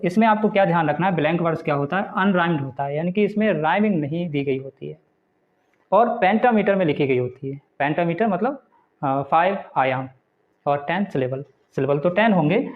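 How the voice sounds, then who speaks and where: The recording is tinny and phone-like as a man with a fairly high voice lectures on English literature in Hindi. He reads each English definition slowly, then patiently explains it.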